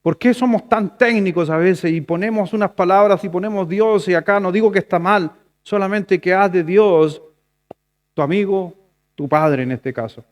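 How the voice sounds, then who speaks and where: A Chilean man preaching a sermon with a slightly high voice. He talks to the congregation like a conversation, jumping to loud stressed phrases and falling to quiet asides. A low mains hum sits under the recording. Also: moderate pace. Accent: Chilean Spanish. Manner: conversational preaching, swings between loud emphatic and soft asides. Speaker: pastor.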